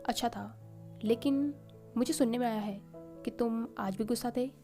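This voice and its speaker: A woman voicing a calm young man who gently teases his younger siblings, in a read-aloud story. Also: on the high side, normal speed, faint music behind, close to an everyday voice. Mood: teasing, easygoing. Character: young man, calm, teasing elder brother.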